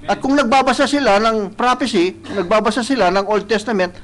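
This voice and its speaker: A male preacher delivering a live church sermon. He mixes Tagalog and English, often checks in with "no?", and reads scripture slowly and deliberately. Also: high voice, fairly bright tone, low-quality recording. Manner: switches between Tagalog and English, tagging points with "no?". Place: church service, streamed live.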